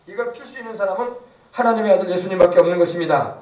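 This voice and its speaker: Male pastor preaching, high voice, keeps asking the crowd questions, echoey church, mic kinda far. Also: rapid-fire, darkish tone. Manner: asks the congregation questions, emphatic preaching. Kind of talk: sermon.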